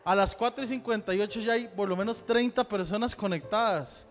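A man's voice: sits high, brisk. A male pastor with a Central American Spanish accent, giving chatty church announcements and joking with the congregation. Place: church sanctuary. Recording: long hall reverb with faint music.

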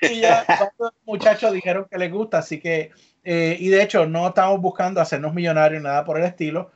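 A man's voice: high voice, steady tone, a little fast. A man hosting a podcast, chatty and upbeat as he leads the talk. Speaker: podcast host. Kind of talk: casual podcast chat. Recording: dull lo-fi podcast audio.

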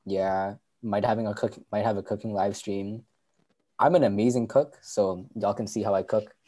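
A man's voice: on the low side, steady tone, moderate pace, mellow. A young man co-hosting a casual podcast, rambling and filling his talk with "like". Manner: rambling, heavy use of "like" fillers. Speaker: podcast co-host.

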